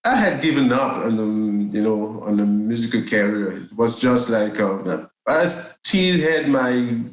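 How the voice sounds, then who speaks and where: Recorded in an echoey room, this Cameroonian jazz bassist speaks as a podcast guest with a mid-range voice, lively intonation and a measured pace. Sharing his story in a relaxed interview, he's hesitant, laughs a lot and leans on fillers.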